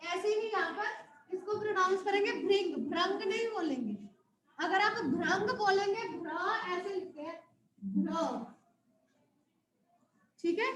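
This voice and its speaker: A woman teacher giving a Hindi lesson to young pupils. She recites word lists slowly and stretches the words, then explains more quietly, checking with the class as she goes. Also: extremely high pitch. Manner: addresses pupils as children, checks with "right?". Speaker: school teacher. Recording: roomy echo.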